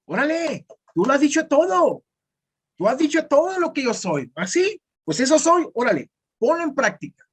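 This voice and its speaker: A man's voice: very high-pitched, big pitch swings, normal speed, voice pushed up. A man voicing God as a teasing, insistent figure who urges Moses to stop praying and act. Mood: coaxing. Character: God, urging Moses in folksy slang.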